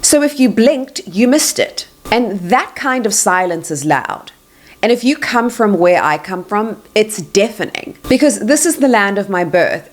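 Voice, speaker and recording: Earnest young woman preaching a heartfelt appeal. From Tanzania. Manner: heartfelt, preacherly, swells higher and softer on scripture lines. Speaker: host. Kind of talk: earnest faith-based appeal to viewers.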